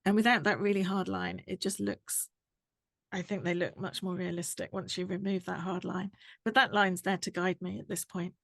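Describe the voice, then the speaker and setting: Gravelly woman teaching drawing. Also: on the low side, little pitch movement, normal speed, a bit bright, dry recording, clean studio sound. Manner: step-by-step, chatty explaining while drawing. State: losing her voice. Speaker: art tutor. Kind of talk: drawing tutorial.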